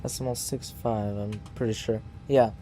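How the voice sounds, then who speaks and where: A man's voice: on the low side, fairly even intonation, normal speed, mellow, soft background music. A man streaming a flight simulator, casually thinking aloud and muttering to himself as he works through procedures.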